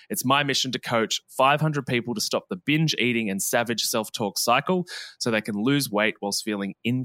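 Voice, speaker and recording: Bright, upbeat male podcast host. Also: mid-range voice, dry recording. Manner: energetic, laughs often.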